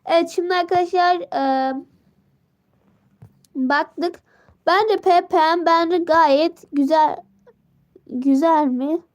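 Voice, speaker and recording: Speaking slowly and pausing often, a teenage girl runs a laid-back live stream from her phone, welcoming viewers by name and reading their comments aloud. Her naturally high voice comes out tired and congested from a sore throat and blocked nose.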